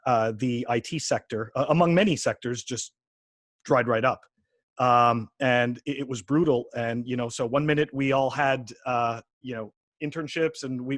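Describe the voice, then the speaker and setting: A man's voice: medium pitch, a bit bright, no room sound, clean studio sound. A man in his forties from Quebec, a podcast guest chatting casually, rambling with many restarts and fillers. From Quebec, Canada. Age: 40s. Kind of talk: casual interview chat.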